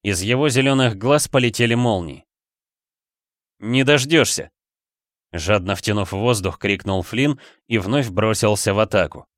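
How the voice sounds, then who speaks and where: A man's voice: lowish voice, moderate pace, few pauses, dry recording. Man narrating a story, dry sound. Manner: steady storytelling delivery. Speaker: audiobook narrator. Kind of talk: scripted narration.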